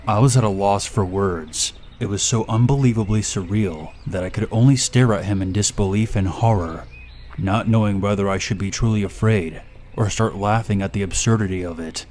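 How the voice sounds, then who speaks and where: A man reading a first-person horror story aloud in a steady, measured way. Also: fairly low pitch, slight background noise. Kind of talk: scripted horror story narration.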